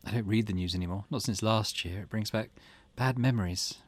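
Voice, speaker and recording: A man with a lowish voice speaks fairly quickly, lightly acting the part of a weary, grieving middle-aged mother from a visual novel. He reads her wistful, old-fashioned thoughts aloud in a tired, uneasy mood, with background noise audible.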